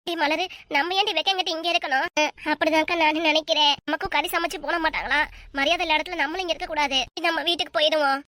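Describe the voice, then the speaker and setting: A woman with a southern Tamil Nadu village accent, voicing all the characters of a village comedy cartoon in quick, bright banter. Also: high voice, steady tone, no room sound, studio quality. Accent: southern Tamil Nadu, Kanyakumari-Tirunelveli dialect. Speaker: voice artist for a cartoon.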